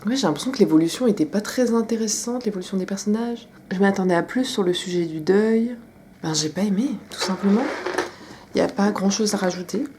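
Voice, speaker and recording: A woman's voice: medium pitch, a little fast, warm tone, a little hiss or hum. A young woman talking through her day in a casual, chatty vlog voice-over, confiding and full of small hesitations. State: suffering from allergies. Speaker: vlogger and aspiring comic artist.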